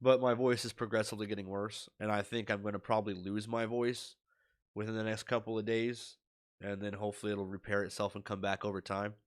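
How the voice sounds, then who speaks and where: A young male streamer, sick with a stuffy nose and scratchy throat, rambles anxiously into his desk webcam for a casual video diary, filling the gaps with ums and uhs. His voice sits lowish, fairly flat in pitch, and he talks rather quickly.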